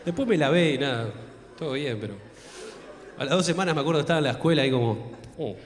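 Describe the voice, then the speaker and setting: A man's voice: on the high side, quick pace, a little hiss or hum. A young Argentine man doing crude stand-up comedy on a theater stage, working the crowd and acting out voices. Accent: Argentine Spanish. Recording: echoey theater hall.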